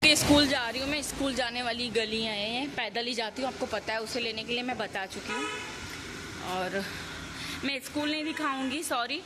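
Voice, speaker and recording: High-voiced woman vlogging over loud traffic. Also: moderate pace. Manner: chatty, addresses viewers directly. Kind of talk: casual walking vlog. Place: city street outdoors, walking. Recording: loud street traffic noise. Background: traffic and street sounds.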